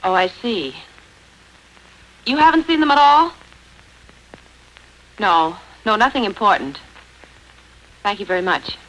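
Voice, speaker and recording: A woman's voice: medium pitch, animated, unhurried, long pauses, fairly bright tone, a little hiss or hum, poor audio. An actress playing a polite young woman making inquiries in a 1940s western film, speaking courteously. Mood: polite, probing. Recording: old 1940s film soundtrack.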